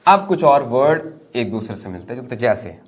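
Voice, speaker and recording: A young man with an Indian English accent teaches vocabulary through memory tricks at a moderate pace. His delivery swings lively between high, emphatic lines and low, murmured asides.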